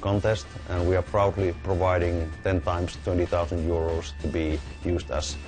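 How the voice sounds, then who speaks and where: Deep-voiced man giving a plain statement. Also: level tone, moderate pace, a little mellow, faint music behind. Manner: plain, hesitant with fillers. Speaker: program representative.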